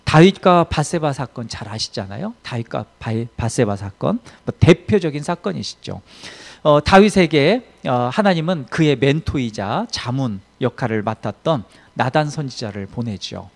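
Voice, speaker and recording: A man preaching a Sunday sermon as pastor, telling a story with emphatic swings in loudness. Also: mid-range voice, animated, normal speed, gravelly.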